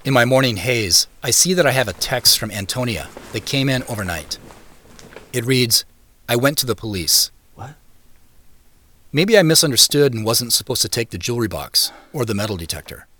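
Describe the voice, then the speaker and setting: An actor voices the narrator and main character of an audio drama, a reflective man recounting his dreams and his search in scripted first person. His mid-range voice is bright and forceful, with lively intonation at normal speed, yet the mood stays dry and matter-of-fact. Music plays behind him.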